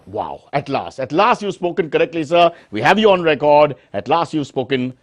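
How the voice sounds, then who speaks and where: An Indian-accented man delivers mock news as a parody news anchor. His voice is high and very animated, swinging from mock-serious announcing to exasperated asides. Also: normal speed. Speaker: host of a news satire show.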